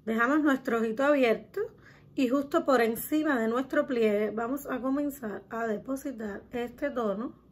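Chatty woman with a breathy voice. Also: on the high side, normal speed. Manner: chatty, addresses viewers as girls, uses many diminutives. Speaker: makeup tutorial host. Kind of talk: step-by-step makeup tutorial.

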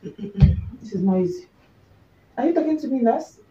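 A Nigerian woman playing a loud, fussy pregnant woman who scolds hospital staff in quick rants. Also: on the high side, animated. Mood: indignant. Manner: scolding, indignant, fast rants. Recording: roomy, distant, dull home recording.

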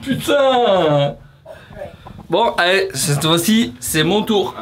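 A young man in his twenties filming a casual travel vlog, joking, excitable and swearing often as he walks city streets on a handheld camera. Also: high-pitched, a little fast. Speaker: vlogger. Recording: clear city street noise.

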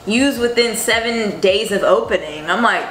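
A woman's voice: mid-range voice, moderate pace, a bit bright, slight background noise. Chatty young woman in an echoey kitchen. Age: 20s. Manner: chatty, rambling, playful. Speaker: vlogger. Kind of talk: casual chat to camera. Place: home kitchen. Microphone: fixed camera on counter.

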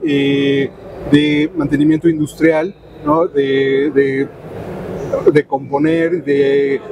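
A middle-aged man with a Mexican accent, speaking as an event director in a businesslike manner and pausing often on fillers. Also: a little high. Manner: businesslike, many filler pauses. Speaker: trade show director. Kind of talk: interview answers. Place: trade show booth indoors. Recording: noisy expo floor ambience.

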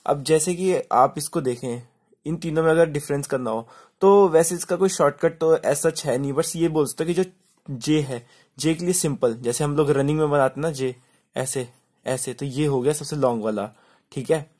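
A man's voice: on the high side, moderate pace, darkish tone, husky. A male shorthand teacher giving a step-by-step tutorial, spelling words letter by letter and repeating "simple" and "okay".

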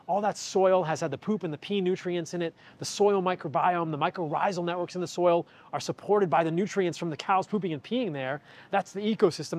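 A man in his forties with a somewhat high voice talks with energy and emphasis, walking through the aisles of a large indoor grocery store. He speaks into a clip-on lapel mic in the manner of an on-camera explainer. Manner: energetic and emphatic, gesturing while holding products. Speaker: health educator and video host.

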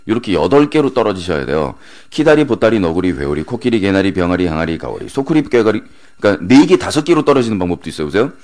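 A man's voice: low-pitched, a little mellow. A man in his thirties hosting late-night radio, teasing listeners and rattling off long rhythmic word lists. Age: 30s. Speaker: radio host. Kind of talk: late-night radio talk with rapid word-chain recitation.

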